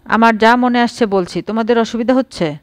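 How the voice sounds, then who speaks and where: A woman's voice: fairly high pitch, fairly quick, no echo, studio quality, close to an everyday voice. A woman voicing an irritable young mother who speaks harshly, in a storybook reading. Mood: irritated.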